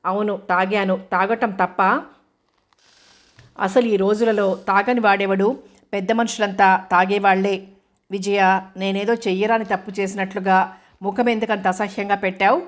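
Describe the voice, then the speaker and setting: A woman's voice: mid-range voice, level tone, normal speed, pauses often, natural voice. A woman reading the part of a drunk, defiant husband with thick, slurred speech in an audio novel.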